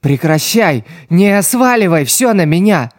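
A man's voice: sits high, big pitch swings, no echo, clean studio sound, full character voice. A man reading an audiobook, voicing a desperate young street boy who pleads and cries out for help. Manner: crying out, pleading, drawn-out shouts.

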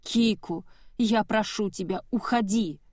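A woman's voice: medium pitch, measured pace, darkish tone, dry recording, clean studio sound, natural voice. A woman voicing a weary, exasperated woman mayor who speaks in a strained, clipped way. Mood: pleading. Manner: strained, clipped, holding back irritation.

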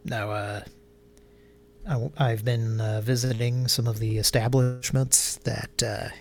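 Gravelly guy hosting a live stream, slow, rambly, cracking crude jokes. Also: medium pitch, a little hiss or hum. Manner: meandering, self-interrupting, irreverent jokes. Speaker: livestream show host. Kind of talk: rambling comedic live chat.

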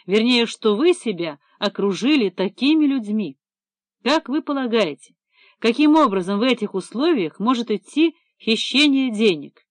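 A woman voicing a calm, stern young male police detective who speaks in a measured, firm way. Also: fairly high pitch, no room sound. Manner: measured, firm, quietly patient.

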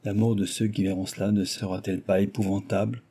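A man's voice: on the low side, little pitch movement, quick pace, warm tone, breathy edge. A man voicing a cruel young Japanese villain who talks in a sneering, menacing way, for an audiobook. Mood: cold menace.

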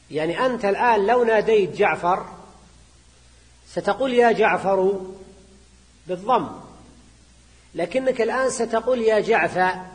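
A man teaching grammar as a sheikh, reading a text and then explaining it, repeating phrases and quizzing students with quick questions. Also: high voice. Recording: reverberant lecture hall.

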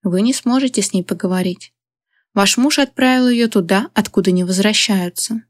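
A cold-blooded henchman read by a woman answers calmly and evenly, never hurrying. The pitch stays in the middle. The recording is dry and close. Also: no room sound, lightly acted. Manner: calm, even, unhurried. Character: man, calm cold-blooded henchman on the phone.

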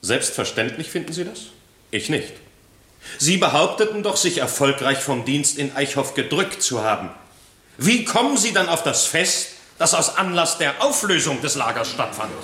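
An actor playing a skeptical defense lawyer who questions a witness coolly in a 1960s radio drama. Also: male voice, fairly high pitch, sing-song, normal speed, bright, forceful tone. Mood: probing. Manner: cool, probing. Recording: roomy vintage radio play studio.

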